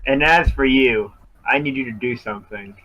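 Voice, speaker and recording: Cold gunman on a loudspeaker, read by a man. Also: mid-range voice, moderate pace, lo-fi sound, natural voice. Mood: menacing. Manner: cold, commanding. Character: menacing male gunman on school loudspeaker.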